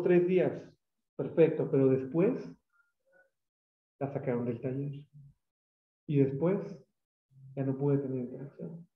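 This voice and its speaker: A Mexican-accented male pastor preaches with a high, lively voice, slipping into the voices of people in his stories. He is heard through an echoey room on a thin, phone-like line. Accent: Mexican Spanish. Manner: animated, acts out quoted voices. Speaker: pastor and teacher. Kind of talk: sermon with storytelling.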